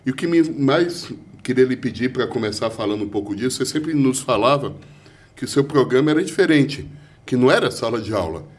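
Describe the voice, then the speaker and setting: A man's voice: mid-range voice, lively intonation, fairly quick. A man hosting an interview, speaking conversationally with frequent tag questions. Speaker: interview host.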